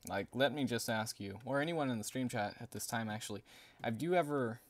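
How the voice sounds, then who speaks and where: A man's voice: medium pitch, fairly quick. A man livestreaming a game, chatting casually and rambling while reading out viewer messages, laughing now and then. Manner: rambling, chatty, laughs often and reads out chat. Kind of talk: casual gaming stream chat.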